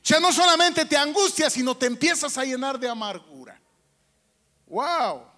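A man's voice: very high-pitched, sing-song, moderate pace, pushed and bright. A man preaching a sermon as pastor, asking the congregation questions with strong emphasis. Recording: long hall reverb.

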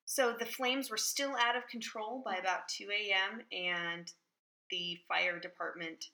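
A woman co-hosting a podcast, relaxed as she recounts the details of a case in casual chat. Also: mid-range voice, a little slow. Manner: relaxed storyteller, reads out search results. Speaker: podcast co-host.

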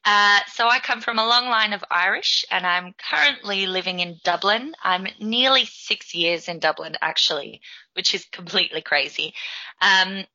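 Bright, forceful Australian woman. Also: mid-range voice, moderate pace, muffled recording. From Melbourne, Australia. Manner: chatty, playful. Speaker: podcast co-host. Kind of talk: casual podcast chat.

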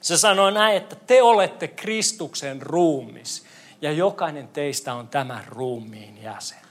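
A man's voice: on the high side, fairly bright tone. A male pastor giving a playful interactive sermon, quizzing the congregation. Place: church hall.

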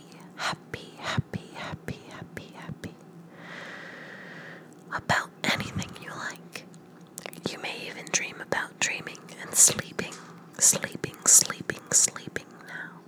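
A woman podcaster whispering a bedtime story meant to send the listener to sleep, softly repeating words over and over. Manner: soft whisper, slow hypnotic repetition of words.

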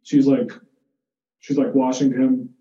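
With a warm, mid-range voice, he speaks slowly and flatly, a man from Jordan lecturing on psychiatry in a chatty, informal way. He explains through personal anecdotes and keeps restarting phrases. The recording is muffled and echoey from a distant mic.

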